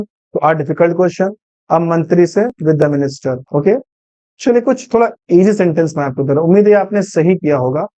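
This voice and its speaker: A man's voice: high voice, a little mellow, dry recording, lo-fi sound. A man teaching English sentence translation, patiently asking and answering his own questions step by step. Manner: patient, repeats questions to students. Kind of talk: Hindi-language grammar lesson.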